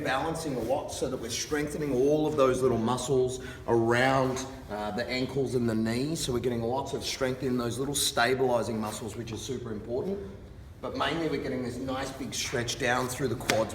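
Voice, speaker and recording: A man gives instructional exercise cues in a careful, unhurried, encouraging way at a medium pitch. His voice sits away from the mic in a big echoing space, with noise behind it. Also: fairly even intonation. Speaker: fitness instructor. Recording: distant mic, reverberant hall, background noise.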